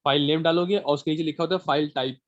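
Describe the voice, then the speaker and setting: A man heard over a voice call with muffled, lo-fi sound and no room echo. He patiently explains a computer task one step at a time, often pausing to check the listener is following. His voice sits fairly high for a man. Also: fairly even intonation. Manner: patient, repeats checks for understanding. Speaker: instructor. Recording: dull, lo-fi call audio.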